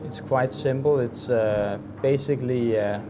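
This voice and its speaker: A man in his thirties explains a dessert as he plates it, his words slow and careful, with plenty of pauses and filler sounds. His voice sits in an ordinary middle range. Clear kitchen noise hums behind him in the large professional kitchen. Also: mid-range voice. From Denmark. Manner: slow, halting, many fillers. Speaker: chef. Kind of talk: cooking demonstration.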